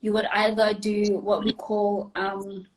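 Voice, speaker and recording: A woman's voice: medium pitch, level tone, unhurried, rough recording. A young woman, a pilot, answering interview questions over a video call in a chatty, step-by-step way. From South Africa. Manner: chatty, apologetic, laughs easily, explains step by step.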